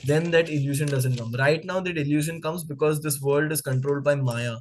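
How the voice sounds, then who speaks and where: A man's voice: on the high side, brisk, a little hiss or hum. A young man teaching a scripture class, explaining ideas with everyday examples and frequent fillers. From Nepal.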